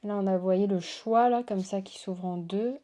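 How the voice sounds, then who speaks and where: Showing off cards to her viewers in a casual unboxing chat, this tarot reader and channel host gushes and exclaims, saying "waouh" and "oh là là" a lot. Her mid-range voice is warm and moves at a normal speed.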